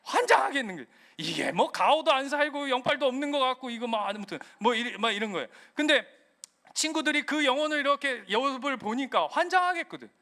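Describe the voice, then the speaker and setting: A middle-aged male pastor, giving an animated sermon and acting out the people in his stories. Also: very high-pitched, fairly quick. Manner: animated storytelling, acting out quoted voices.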